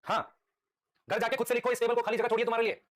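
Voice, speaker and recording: Speaking in a very high-pitched voice with a completely flat delivery, a male teacher gives a live lecture. He patiently fires quick, repeated questions at his students, addressing them as "beta."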